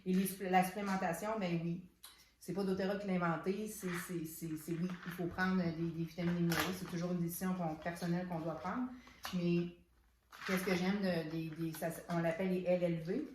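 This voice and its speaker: A woman's voice: on the low side, fairly even intonation, brisk, background noise. A woman with a Québécois accent chatting casually as she presents products, with lots of fillers and restarts. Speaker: soap shop owner presenting products. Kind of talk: casual product unboxing chat. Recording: echoey room.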